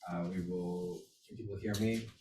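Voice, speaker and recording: A man's voice: deep voice, steady tone, normal speed, dark tone. A man chairing a public meeting, talking in an informal and apologetic way. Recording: echoey meeting room with background noise.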